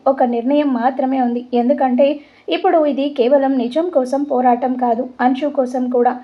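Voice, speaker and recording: A woman storyteller narrating an audio drama in a soft, even reading voice. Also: sits high, lo-fi sound.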